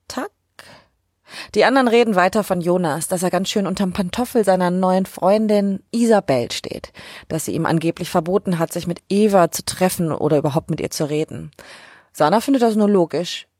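Husky woman recapping a show. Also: fairly low pitch, moderate pace, a little mellow, no echo, studio quality. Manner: chatty and colloquial, with wry asides. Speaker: series recap host. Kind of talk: casual episode recap narration.

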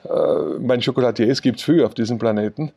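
A man's voice: medium pitch, fairly quick, mellow, dull audio. A man with an Austrian accent, a chocolatier answering interview questions in a rambling way, with lots of fillers and chuckles. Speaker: chocolatier and company founder.

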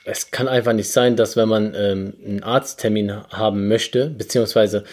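Mellow-voiced young man chatting casually. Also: on the low side, fairly even intonation, moderate pace. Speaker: podcast co-host. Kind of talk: casual chat.

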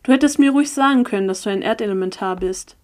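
A woman's voice: mid-range voice, fast, darkish tone, natural voice. A woman reading aloud, voicing a scheming, persuasive young male sorcerer who talks down insistently. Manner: condescending, insistent, impatient.

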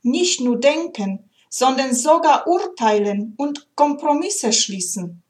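A woman's voice: high-pitched, lively intonation, takes it slowly. A woman reading aloud, voicing a patient, loving male God who explains his creation earnestly.

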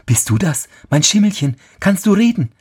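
A man's voice: mid-range voice, moderate pace, voice pushed up, lightly acted. A man playing a faithful young servant who wails and laments in a storybook tale. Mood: lamenting. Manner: wailing, lamenting.

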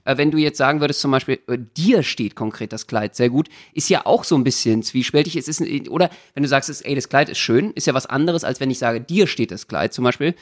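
A man's voice: medium pitch, fast, few pauses. A man co-hosting a podcast, asking questions hesitantly with many fillers. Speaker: podcast co-host. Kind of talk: casual chat.

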